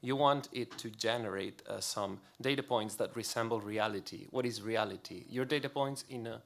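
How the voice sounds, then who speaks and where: A man's voice: fairly low pitch, moderate pace, gravelly, fairly bright tone. A young man with a Spanish accent giving a technical conference talk in a loose, casual way, full of fillers and restarts. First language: Spanish or Catalan. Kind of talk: technical lecture. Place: lecture hall.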